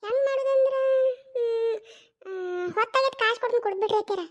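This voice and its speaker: A performer voicing a pestering cartoon daughter-in-law, squeaky high. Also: fairly even intonation, rapid-fire. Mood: coaxing. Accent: North Karnataka Kannada. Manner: coaxing, pleading, insistent. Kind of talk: cartoon voice acting.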